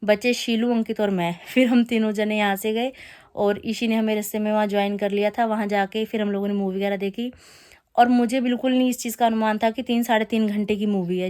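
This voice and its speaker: A woman's voice: fairly high pitch, a little mellow. A woman in her thirties chatting through a family vlog, telling the day's story with teasing complaints. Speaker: family vlogger. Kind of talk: casual vlog narration.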